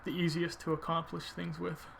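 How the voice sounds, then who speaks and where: A man's voice: fairly high pitch, monotone, normal speed, vocal fry, background noise. A man giving casual video game commentary, thinking aloud informally as he explains his technique.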